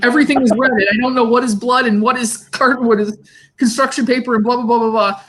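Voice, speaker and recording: A woman's voice: fairly high pitch, steady tone, quick pace, fairly bright tone, slight background noise. A woman hosting a casual livestream chat over a video call, talkative and often repeating words as she starts a thought. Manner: chatty, repeats words when starting sentences. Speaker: host.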